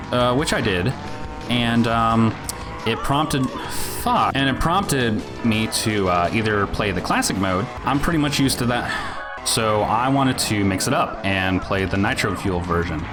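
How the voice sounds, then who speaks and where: A man's voice: on the low side, expressive, unhurried. A man giving a casual, sweary gaming rant in a rambling, sardonic, grumpy-old-man grumble. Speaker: video game reviewer. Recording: music behind the voice. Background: music.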